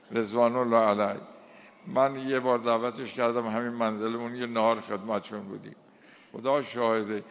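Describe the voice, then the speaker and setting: A man from Iran preaching a fiery sermon, heaping up long strings of scornful words and dwelling slowly on recited Arabic verses. His voice carries a long reverb from a large hall. The sound is somewhat dull and muffled. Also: medium pitch. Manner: impassioned, fiery lists of condemning words. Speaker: cleric preacher.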